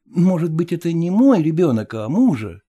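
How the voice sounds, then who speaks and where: A man voicing a flustered gentleman caught off guard, talking in a lively conversational way. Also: a little high, moderate pace, husky, lo-fi sound. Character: flustered young gentleman, timid then cheerful.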